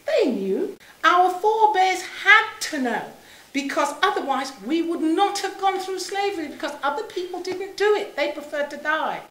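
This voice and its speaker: A middle-aged woman from Saint Kitts who moved to England as a child, giving an impassioned public talk in an emphatic, rhetorical manner with repetition and pointed questions. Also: very high voice. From Saint Kitts in the Caribbean, moved to England aged seven. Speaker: public speaker. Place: indoor room, speaking to an audience. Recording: roomy, echoing live talk.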